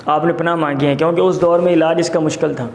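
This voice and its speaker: Man, teacher, fairly high voice, repeats each term slowly, echoey classroom, faint hum. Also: steady tone. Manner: explains words slowly, repeating terms, mixes in Punjabi asides. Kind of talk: classroom lecture explaining vocabulary.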